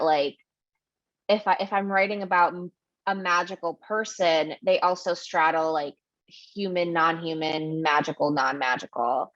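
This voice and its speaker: This woman, born in Ecuador and raised in Queens, New York, is the guest author at a virtual book event, answering questions in a thoughtful, digressive way full of fillers. Her voice is on the low side and a bit bright. The video-call audio is dry and muffled.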